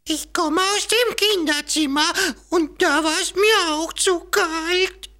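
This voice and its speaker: A forlorn little brown teddy bear pipes up in a very high, trembling squeak. He talks slowly and plaintively, like a toy feeling forgotten. It is a children's audio story. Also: bright, forceful tone, exaggerated voice. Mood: sad.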